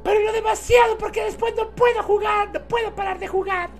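A man's voice: very high voice, flat delivery, fairly quick, faint music behind, pitched above the performer's own voice. A man voicing a bubbly, naive young girl in a giddy, sing-song squeal.

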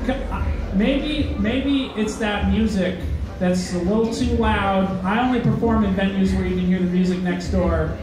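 Speaking at a moderate pace over background noise, this young male comic has a high voice and a hesitant, self-mocking stand-up style full of "uh"s. The mic is picked up from far off in an echoey club, where the audience laughs and heckles.

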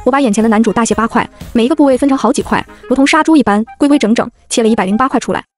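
A woman narrating a first-person web-novel story in a brisk, cool manner. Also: on the high side, faint music behind.

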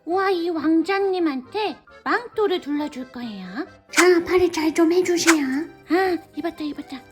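A woman's voice: extremely high pitch, animated, normal speed. A woman hosting a children's toy show, addressing kids in an exaggerated sing-song way. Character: cute childlike cartoon-cat host persona for kids. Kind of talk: kids' toy show presentation, bright exclamations. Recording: music behind the voice. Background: music.

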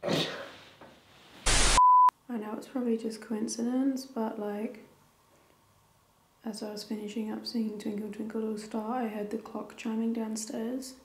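A young woman talking casually and softly to camera in an unhurried, chatty way during a ghost investigation, in a small indoor room. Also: on the high side, little pitch movement, vocal fry, noisy background. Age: young adult. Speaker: paranormal investigator. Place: small bedroom indoors at night. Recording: echoey room.

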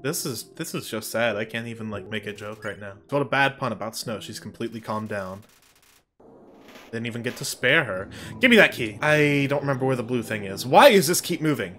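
A man streaming a game, cracking jokes and yelping at sudden moments. His voice is bright and his pitch jumps around a lot. Faint game music plays under his talk. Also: expressive, fairly quick. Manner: jokey, swears, reacts loudly with laughs and yelps. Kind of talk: casual gameplay commentary.

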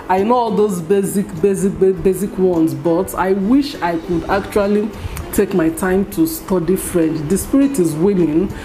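A woman in her thirties, an Igbo speaker with a Nigerian accent and a mid-range voice, talks to the camera in a get-to-know-me vlog. She is animated, expressive and scolding, filmed at close range by the camera in a small indoor room at home.

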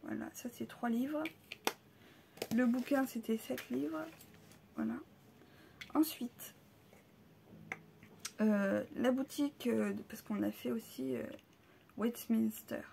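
A woman with a rough, gravelly voice that sits a little high, talking slowly and warmly while she shows her purchases at home. She hesitates often and drops into soft half-whispers. A faint hum of room noise sits behind her. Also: fairly even intonation. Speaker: vlogger showing a shopping haul. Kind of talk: casual haul video.

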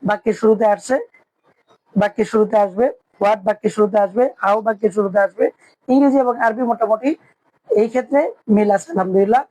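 A woman teaching a language lesson, drilling each phrase by repeating it slowly and translating it. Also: medium pitch, fairly even intonation, warm tone, rough recording.

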